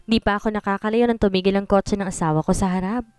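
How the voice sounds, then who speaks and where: A woman's voice: medium pitch, steady tone, fast, darkish tone, clean tone, no room sound. Woman narrating a dramatic story. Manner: dramatic first-person telling, mixing Tagalog and English.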